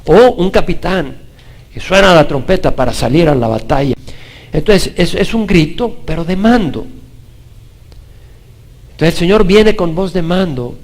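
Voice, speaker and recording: A man preaching a Bible-study sermon with a Latin American Spanish accent. He is emphatic, puts questions straight to his listeners and moves between loud declarations and low, quiet asides. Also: lively intonation, measured pace, long pauses. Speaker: pastor.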